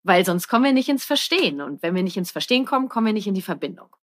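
A woman coaching a mother on empathy, talking bluntly and lively and swearing for emphasis. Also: mid-range voice, rapid-fire. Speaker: parenting coach. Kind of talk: coaching conversation.

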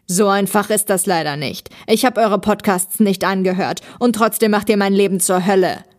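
A woman reading the part of a gloating male villain in a spoken story, loud and mocking. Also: medium pitch, steady tone, a little fast, natural voice.

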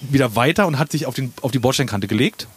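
A man's voice: medium pitch, lively intonation, fast, breathy edge. A man telling an anecdote in a casual podcast chat, hesitant with many fillers. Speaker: storyteller guest.

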